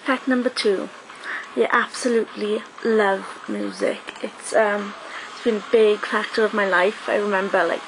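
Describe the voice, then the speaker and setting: Talking casually to camera from a small room, this young adult vlogger from South Wales speaks in an animated, medium-pitched voice at a moderate pace. Her close webcam picks up plenty of "um"s and "like"s, plus noise in the background.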